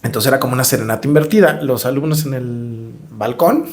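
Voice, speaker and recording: This middle-aged man speaks with a Mexican accent, a darkish tone, and medium pitch, at a fairly quick clip. As a podcast guest telling stories conversationally, he reflects aloud and repeats words while he looks for them.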